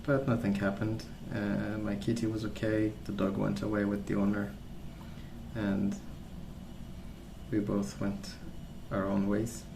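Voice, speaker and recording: With a lowish voice, this male ASMR creator speaks gently and without hurry, drifting through a casual, soft-spoken storytelling ramble. Background noise is plainly audible in the roomy recording.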